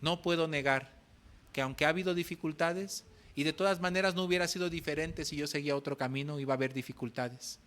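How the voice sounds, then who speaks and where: A man's voice: on the high side, quick pace, fairly bright tone. A middle-aged man with a Mexican Spanish accent preaching an earnest, exhorting sermon as pastor at a church service.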